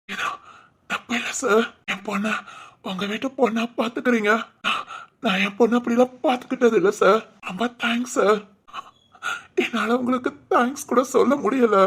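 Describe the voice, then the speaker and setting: A woman's voice: a little high, slightly rough. A woman voicing a dying middle-aged father in a doll-film drama, breathless, faltering and apologetic. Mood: humble grateful.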